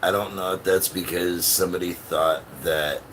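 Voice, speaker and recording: Deep voiced guy, talks real slow, rambly n sweary livestream chat, noisy background. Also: fairly even intonation, fairly bright tone. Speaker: live streamer. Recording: clearly noisy livestream audio.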